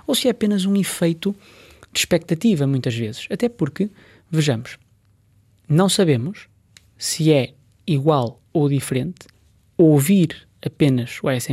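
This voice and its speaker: A man's voice: a little high, darkish tone, no room sound. A man with a European Portuguese accent giving a conversational, discursive explanation, often checking in with short tag questions. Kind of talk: conversational explanation to a host and listeners.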